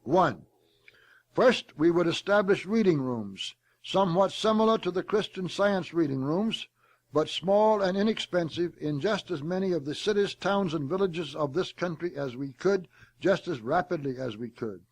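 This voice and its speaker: A man delivering a formal prepared speech in a deliberate, oratorical manner, reading it aloud and even saying the quotation marks. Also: a little high. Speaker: speaker delivering a prepared address.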